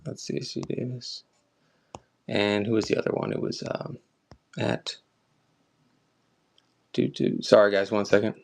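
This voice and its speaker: A man's voice: lowish voice, steady tone, a little slow, vocal fry, pauses often. Chatty man selling collectibles live. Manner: chatty, upbeat, talks to viewers by name. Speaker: live auction seller. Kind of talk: casual live-stream selling chat.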